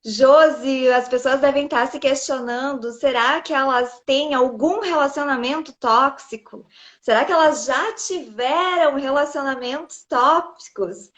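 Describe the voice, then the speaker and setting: A woman's voice: high-pitched, a little slow, highs cut off. A woman hosting a casual live stream, greeting viewers by name and chatting.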